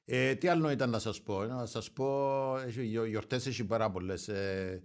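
A man hosting a morning radio show, rambling and halting as he reads out a list of saints' days. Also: on the low side, vocal fry. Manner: rambling, hesitant, halting over names. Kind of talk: casual radio chat.

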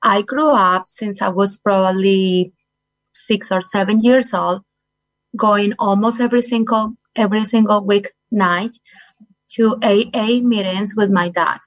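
A guest speaker, a woman in her forties from Colombia, talks earnestly about well-being and addresses listeners head-on, her English marked by a Colombian Spanish accent and non-native phrasing. Her mid-range voice is steady and unhurried. The recording is dry and of poor quality.

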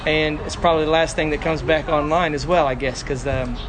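Arkansas hillbilly man over clear street noise. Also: on the high side, fairly even intonation. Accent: Arkansas hillbilly, Southern US. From Arkansas, United States. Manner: halting, repeats words mid-sentence. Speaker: country music entertainer, interview guest. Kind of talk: casual interview chat. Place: bar, on location with street noise. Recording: noisy outdoor bar, traffic behind.

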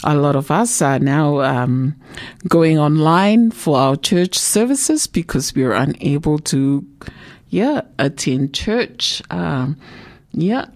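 A woman with a Samoan accent hosting a community radio programme in a casual, conversational way, often pausing to find her words. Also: deep voice, lively intonation, a little mellow. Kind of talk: casual bilingual radio chat.

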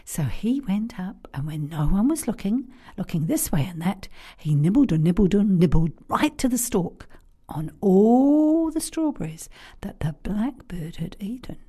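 A woman telling stories for children, in a hushed, whispery and animated way. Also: medium pitch, a little slow, husky. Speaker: storyteller.

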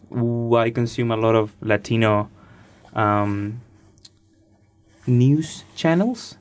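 This radio guest, a 19-year-old man from Chile, offers easygoing, thoughtful answers while pausing hesitantly. His pitch is fairly low, and he sounds clear with a resonant tone.

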